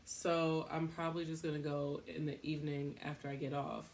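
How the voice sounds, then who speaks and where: A young woman hosting a podcast, talking in a casual, rambling way, thinking out loud and laughing at herself. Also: deep voice, level tone, fairly quick, gravelly, slight background noise. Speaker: podcast host.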